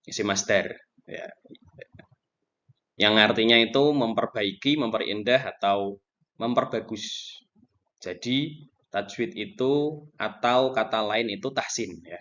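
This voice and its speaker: A man's voice: fairly low pitch, slow, long pauses, a bit bright. A man teaching a Quran recitation lesson, explaining patiently and repeating himself with frequent checks. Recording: dull lo-fi recording.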